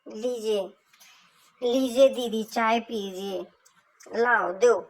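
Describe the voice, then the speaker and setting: A dutiful young daughter-in-law speaks softly and politely, always apologetic, as a woman plays her. Her slow delivery sits a little high. It is a homemade family drama skit. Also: steady tone, low-quality recording.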